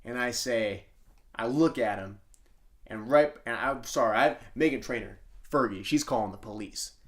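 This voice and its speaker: A man co-hosting a comedy podcast, improvising in excitable rants that jump loud and high when he gets worked up. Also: moderate pace. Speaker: podcast co-host.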